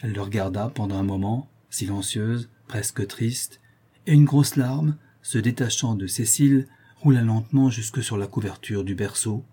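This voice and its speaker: Male audiobook narrator, warm and slightly husky, measured novel reading. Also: lowish voice.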